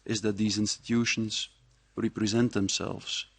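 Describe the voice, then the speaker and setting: A man with a low voice and a gravelly edge talks to an audience like a professor giving a lecture. He is measured and reflective. The sound is dry and close. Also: flat delivery, fairly bright tone, dry recording. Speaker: university professor giving a talk. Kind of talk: public speech at a presentation. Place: live event before an audience.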